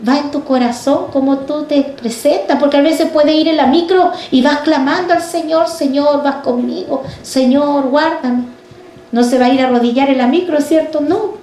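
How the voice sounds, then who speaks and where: A woman's voice: sits high, fairly quick, hardly any pauses, warm tone, echoey room, slight background noise. A woman preaching a fervent sermon, speaking straight to the congregation and asking them rhetorical questions. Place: church.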